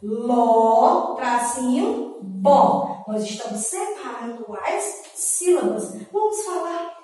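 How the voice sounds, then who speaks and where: A woman's voice: high-pitched, sing-song, a little mellow. Sing-song woman teaching small children. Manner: drawn-out syllables, counting and asking questions. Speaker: preschool teacher. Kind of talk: slow, sing-song classroom lesson for young children. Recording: echoey room from far off.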